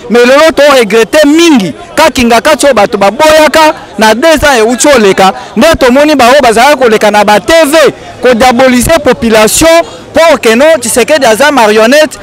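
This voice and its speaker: A man's voice: extremely high pitch, a little fast, fairly bright tone, some chatter behind, poor audio. A man giving an emphatic, complaining street interview outdoors in a city.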